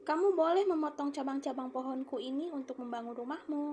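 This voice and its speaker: A generous old apple tree calls out in a raised, bright and inviting voice, as a woman reads the storybook aloud. It sounds kindly and eager, high above an everyday speaking voice. Faint background noise sits behind it. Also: quick pace, lightly acted. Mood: gentle. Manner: bright, inviting, cheerfully calling out.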